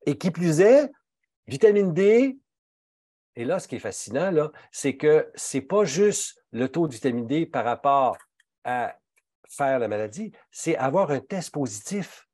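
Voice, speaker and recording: In a studio-quality recording free of room sound, an animated Québécois pharmacist from Quebec delivers a health talk at a measured pace in a darkish tone. He comes across emphatic and indignant, swinging his pitch broadly for emphasis.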